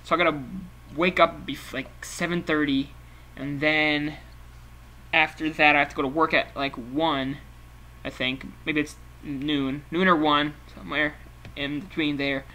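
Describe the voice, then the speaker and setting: Bright-voiced young man rambling late at night. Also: fairly high pitch, fairly even intonation, measured pace. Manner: rambling, chatty, laughs often. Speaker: vlogger. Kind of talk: casual late-night vlog.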